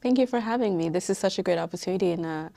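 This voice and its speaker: A woman in her thirties from Haiti, a guest on a talk show. She tells her story in a lively way and laughs often. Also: lowish voice, racing, vocal fry, no echo. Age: 30s. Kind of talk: casual interview.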